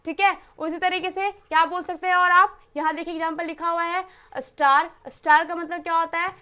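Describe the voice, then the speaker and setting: A woman's voice: very high voice, level tone, fairly quick, sharp tone. A woman teaching English pronunciation in a classroom style, asking herself questions and answering them, and spelling words out letter by letter. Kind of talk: classroom-style lesson explaining pronunciation rules.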